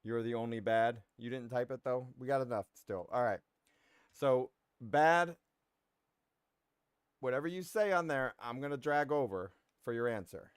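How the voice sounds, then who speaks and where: A man's voice: medium pitch, moderate pace, smooth, dry recording, clean studio sound. A man streaming a shooter game live, chatting casually to his viewers as he plays. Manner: casual, chatty, talking to chat. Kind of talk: live gameplay commentary.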